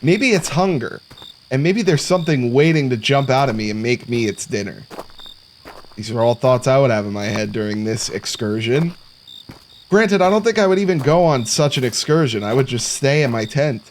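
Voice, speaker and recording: A gaming content creator offers casual let's play commentary on a horror game, muttering to himself in a sarcastic, jokey way. His voice is mid-range with a little hiss or hum, and the game's crickets and insects chirp in the background.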